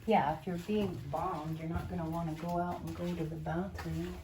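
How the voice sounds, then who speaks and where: A woman exploring a dark underground bunker, chatting casually in a hushed, wary way, with a cave-like echo around her voice. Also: lowish voice, fairly even intonation, moderate pace, far from the mic. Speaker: visitor exploring an old fort. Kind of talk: casual walkthrough chat. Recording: echoey bunker, loud background noise.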